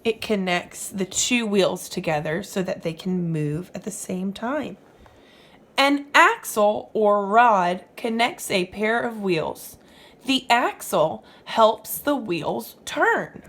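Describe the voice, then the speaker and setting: With an animated, fairly bright mid-range voice, a woman reads slowly to young children. Her teacherly manner includes explaining as she goes and asking questions of the listener.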